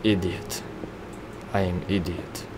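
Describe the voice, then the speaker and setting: Background noise sits under a deep, flat, slow male voice. He's a young let's play gamer offering casual commentary on a block-building game, rambling and self-mocking as he solves problems.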